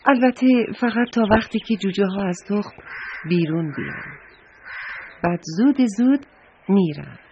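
A woman's voice: medium pitch, lively intonation, long pauses, background noise, natural voice. A woman doing a worried mother swallow. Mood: pleading. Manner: pleading, polite. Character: worried female swallow mother, small bird. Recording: dull lo-fi recording.

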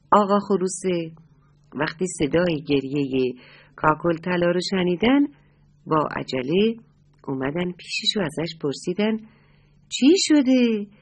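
Brief: soft-spoken woman reading a children's bedtime tale, breathy tone. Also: on the low side. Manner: warm, addresses listeners as dear ones. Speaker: storyteller. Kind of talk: bedtime story narration for children.

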